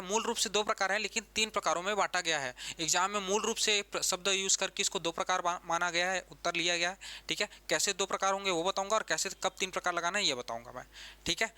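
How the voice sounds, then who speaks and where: A man's voice: high voice, sharp tone. A man teaching an exam-prep grammar lesson, who repeats key terms and keeps asking the class questions.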